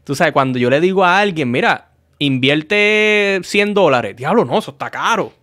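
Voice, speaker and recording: A man's voice: fairly high pitch, lively intonation, moderate pace, sharp tone, no echo, studio quality. A man in his thirties with a Puerto Rican accent, hosting a live stream interview in a casual, chatty way, jumping in with his own stories. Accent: Puerto Rican Spanish. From Puerto Rico. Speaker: host. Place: small home studio. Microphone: studio mic with headphones.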